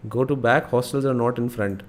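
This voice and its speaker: A young man with an Indian accent streams a geography guessing game in a fairly quick, mid-range voice. His live commentary is casual, he thinks out loud and exclaims frequently, and the recording carries noticeable background noise.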